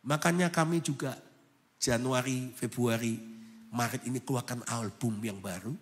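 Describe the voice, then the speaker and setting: A man preaching a sermon, telling a story with drama, from hushed low lines up to loud shouts, in a large church hall. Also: moderate pace, slight background noise. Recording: music under a long hall reverb.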